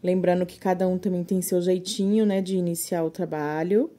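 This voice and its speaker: A woman's voice: fairly low pitch, steady tone, moderate pace, dark tone. A woman teaching crochet step by step, patiently counting stitches aloud and a little short of breath.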